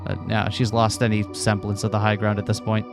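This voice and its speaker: A man's voice: fairly low pitch, completely flat delivery, brisk, creaky. Playful man with music behind him. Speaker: let's play co-host. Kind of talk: casual commentary and read-aloud of a visual novel.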